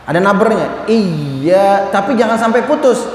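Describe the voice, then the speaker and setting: A man teaching a group of men to recite, chanting verses slowly and then correcting their pronunciation in quick, everyday speech. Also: sits high, expressive. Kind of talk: tajwid lesson to a group of men. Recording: echoey hall with faint room noise.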